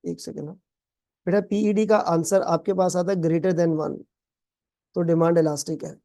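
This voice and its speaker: A man teaches in a recorded exam-prep lecture. His voice is warm and mellow, and he mixes English terms into playful everyday examples. He keeps asking his students questions and repeating the answers back. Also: fairly high pitch, steady tone, measured pace, creaky. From Pakistan. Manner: calls students "beta", quizzes them with call-and-response questions. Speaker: accounting tutor.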